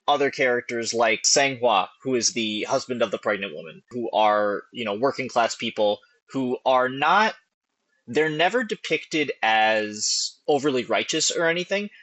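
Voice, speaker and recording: Podcast co-host, male, bright and dry, chatty and animated. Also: medium pitch, no room sound, low-quality recording. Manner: animated, filler-heavy, restarts often. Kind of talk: casual film analysis chat.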